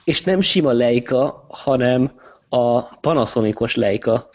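A man's voice: mid-range voice, a little mellow. A man with a mid-range voice, delivering dry, ironic quips in casual tech banter. The sound is dull and lo-fi. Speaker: podcast co-host. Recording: dull lo-fi podcast recording.

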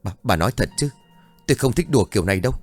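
A man voicing a loud, panicked village woman who wails and shrieks for help in a spoken ghost story. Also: lowish voice, animated, rapid-fire, no room sound, faint music behind. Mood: alarmed.

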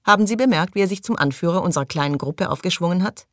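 A woman's voice: lowish voice, animated, fast talker, fairly bright tone, no echo, studio quality. A woman reading an audiobook and voicing a suspicious, agitated man who accuses and raises his voice. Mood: bitter.

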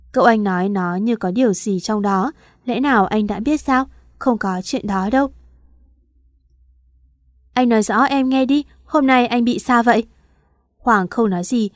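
A woman's voice: a little high, dry recording, clean studio sound. Woman reading a tearful love story. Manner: emotional, voices the quarrels and crying. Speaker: audiobook narrator. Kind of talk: first-person story reading with dialogue.

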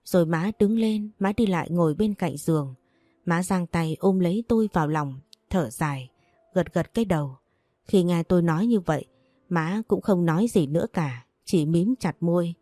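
A woman narrating a first-person story in a gentle, measured way. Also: fairly low pitch, dry recording.

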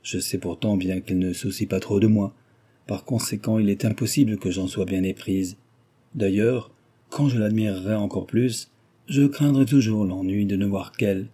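A man's voice: lowish voice, fairly even intonation, moderate pace, mellow, husky. A man reading aloud, voicing a frivolous, gossiping young aristocratic lady who talks flippantly and teases. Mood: gossipy, mocking. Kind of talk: audiobook character reading.

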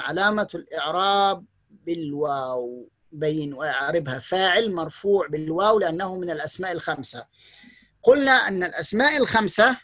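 An online teacher gives a patient, step-by-step grammar lesson, slowly repeating key rules and often praising and blessing the students. The voice is mid-range and fairly bright, and the recording is dry.

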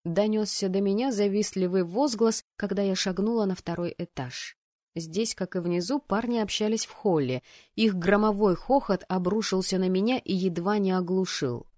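A woman narrating a first-person fantasy story aloud, acting out the characters' lines with lively changes of voice. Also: moderate pace, no echo, studio quality. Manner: voices the rowdy students' shouts with bursts of pitch and volume. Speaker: audiobook narrator.

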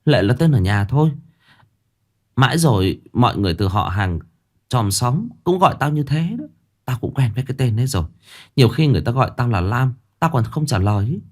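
A man's voice: mid-range voice, lively intonation, a little fast, darkish tone, lightly acted. A man voicing a guilty young village woman who stammers and pleads. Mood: chatty.

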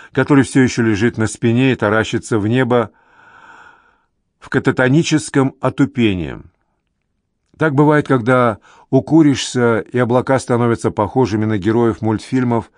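A man narrating a novel in a measured, even reading. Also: medium pitch, dry recording, clean studio sound. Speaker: audiobook narrator. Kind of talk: scripted narration.

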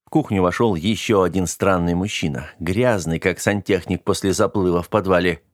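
Low-voiced man reading a comic story. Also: moderate pace, dry recording, studio quality. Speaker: narrator.

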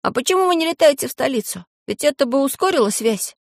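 A woman voicing an eager, excitable young boy who keeps exclaiming and asking questions in a storybook reading. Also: sits high, quick pace, dry recording, clean studio sound, pitched above the performer's own voice.

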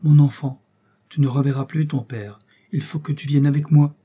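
Guy reading as a bitter lonely monster, husky dark voice, grave and slow-burning. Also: fairly high pitch, steady tone. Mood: coaxing. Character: brooding vengeful male creature, lonely and bitter.

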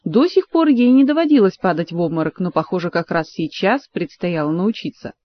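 A woman narrating an audiobook in an even storytelling manner. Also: on the low side, a little fast, dull audio. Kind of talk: scripted narration.

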